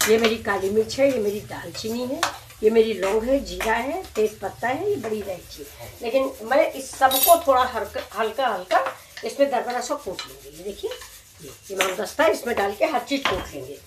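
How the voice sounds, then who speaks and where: A woman with a fairly high, animated voice hosts a cooking channel demo in her tiled home kitchen, chatting with viewers and walking through each step at a normal pace. The recording is echoey and noisy.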